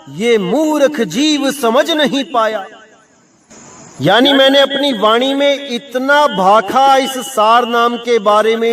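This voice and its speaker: A man giving a devotional sermon as a spiritual teacher. He chants verses slowly and then explains them, calling his listeners brother. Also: very high voice, fairly bright tone, distant mic.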